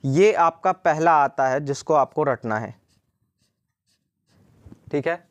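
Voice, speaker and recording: A young man with a somewhat high voice takes his time as he tutors students through their notes. In this screen-recorded study lesson he casually mixes Hindi and English and often says "ठीक".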